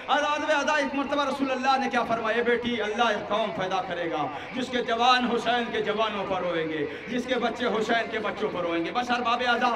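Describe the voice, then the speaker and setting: A man reciting a mourning sermon at a religious gathering, impassioned and rising to wailing shouts. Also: extremely high pitch, fairly quick, hardly any pauses. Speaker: Shia cleric reciting a majlis. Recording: echoey hall, far from mic, crowd. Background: mourners' crowd.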